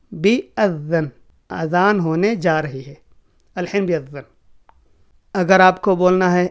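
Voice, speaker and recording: A man teaching a spoken language lesson, slowly repeating each phrase for learners. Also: high-pitched, clean tone. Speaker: Arabic teacher.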